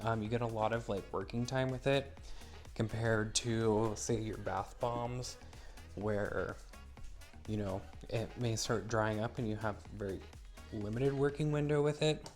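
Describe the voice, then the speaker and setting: Soft music plays beneath a fairly low, steady, darkish male voice at a measured pace. He's shaking off a cold, so he's stuffy and somewhat wheezy, but he cheerfully demonstrates his product hands-on, explaining each step in a casual how-to style.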